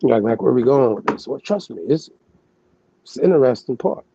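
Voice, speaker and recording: A man with a mellow, rounded voice talks in an easygoing, slangy way and breaks into stretches of reading aloud. He keeps turning to his listener with casual asides. The recording is dull and lo-fi, with a dry, close sound. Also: mid-range voice, animated, brisk, creaky, slightly rough, no room sound. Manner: loose slangy asides, calling the listener "God".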